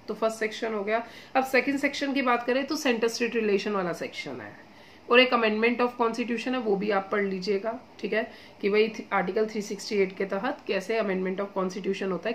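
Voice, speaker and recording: A woman who coaches students for exams gives casual, encouraging study advice in a medium-pitched voice over slight background noise. She's chatty, calls her students "beta" and "guys," mixes in English phrases, and keeps checking in with "theek hai."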